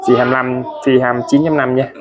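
A used tool seller walks through his items one by one in a casual product showcase, racing along in a medium-pitched voice with little pitch movement. He's chatty and repetitive, restating each price and ending phrases with friendly particles. A faint noise hums underneath.

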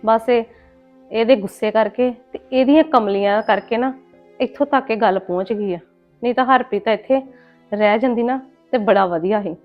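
A woman acting as an aunt in a scripted family drama, scolding and emotional, her voice rising loud when upset. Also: fairly high pitch, moderate pace, lo-fi sound, soft background music.

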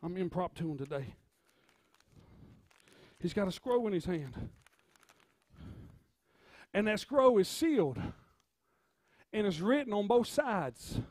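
A man preaching an impromptu sermon, swinging from hushed storytelling to rising shouts and repeating his words. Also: high-pitched, lively intonation, slow, pauses often, dry recording. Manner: rhythmic preaching with "uh" before phrases.

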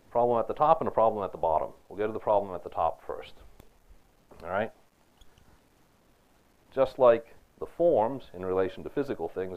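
Man, university lecturer, low voice, conversational, dull lo-fi recording. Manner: conversational, asks students questions, repeats "right?".

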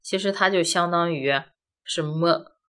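A Chinese-speaking language teacher gives a classroom-style grammar lesson, taking each point in turn and often posing rhetorical questions. Her voice is lowish and slightly bright, with fairly even intonation and a measured pace.

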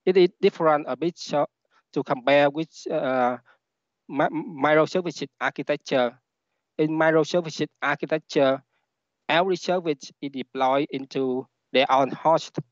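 Guy with a vietnamese accent doing a tech talk, halting with repeated words, bit high voice, muffled dry headset sound. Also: no echo. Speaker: conference speaker, software engineer. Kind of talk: technical presentation. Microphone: headset on a video call. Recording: dull, lo-fi online call audio.

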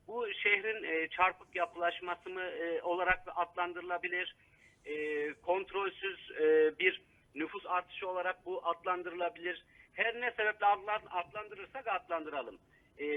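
Council member calling in by phone, high voice, thin phone-band sound, critical and halting. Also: male voice. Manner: critical, hesitant with frequent fillers. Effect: over the phone. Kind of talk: live phone interview commentary. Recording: tinny phone line.

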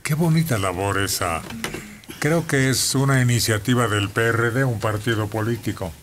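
A man's voice: mid-range voice, normal speed, a bit bright, slight background noise. A man hosting a radio show, asking short, polite questions. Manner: courteous, asks short questions. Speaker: radio host. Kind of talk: radio interview. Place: radio studio.

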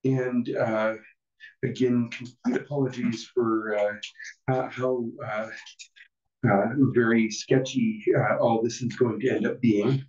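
Halting man presenting in a roomy hall. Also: medium pitch, little pitch movement, a little mellow. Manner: halting, filler-heavy, self-deprecating. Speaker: presenter at a user group meeting. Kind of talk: casual technical presentation. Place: meeting room with an audience. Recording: distant, roomy, dull room recording.

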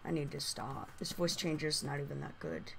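A woman giving casual, rambling gameplay commentary through a voice changer, halting and prone to excited exclamations. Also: mid-range voice, vocal fry. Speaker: gaming video host.

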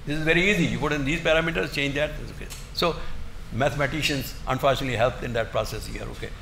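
An older man giving an academic lecture in a halting, emphatic way, often repeating his words. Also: medium pitch, vocal fry, sharp tone. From India. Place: indoor lecture room, seated at a desk. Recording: roomy echo, faint background noise.

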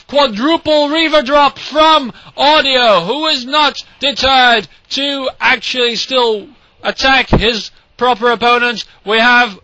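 A man casually commentating a strategy game replay, excitable and sarcastic, mocking the players and swearing. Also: very high voice, no echo, lo-fi sound.

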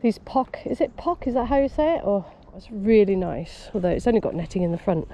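A woman's voice: medium pitch, expressive, fairly quick, mellow. A woman cycling on country roads who chats casually to an action camera on her bike and is breathing hard from the climb. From Wales. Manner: chatty, self-commenting, laughs at herself. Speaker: cycling vlogger. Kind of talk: casual talk while riding. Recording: outdoor camera with wind and road noise. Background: passing traffic and wind.

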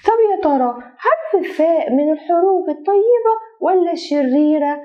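A woman's voice: very high-pitched, expressive, moderate pace, highs cut off. A woman with an Egyptian accent teaching kindergartners their letters, drawing out the sounds in a coaxing sing-song way. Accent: Egyptian Arabic. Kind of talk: children's phonics lesson.

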